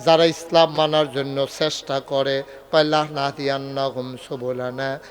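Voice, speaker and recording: A man preaching a waz sermon, telling stories with acted dialogue, often climbing to near shouts and drawing laughs with colloquial humor. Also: medium pitch, flat delivery, moderate pace. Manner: dramatic storytelling, acting out dialogue, rising to near shouts.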